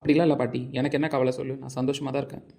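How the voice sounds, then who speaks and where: Brief: man as a young police-officer grandson, reassuring, mellow gravelly tone. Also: medium pitch, level tone, natural voice. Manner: reassuring, fast-talking. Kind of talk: amateur audio drama.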